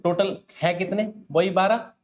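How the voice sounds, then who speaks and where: Tag-questioning teacher, slightly high voice. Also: male voice, steady tone, a little slow. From Rajasthan. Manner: explanatory, asks and answers himself, frequent "है ना". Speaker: exam coaching teacher. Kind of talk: classroom lecture.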